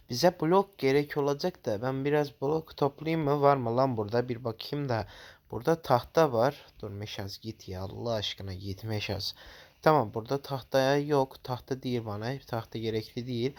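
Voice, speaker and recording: A man giving casual gameplay commentary to his viewers, jittery and quick to swear in sudden loud outbursts. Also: mid-range voice. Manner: talks straight to viewers as "guys". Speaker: gaming channel host.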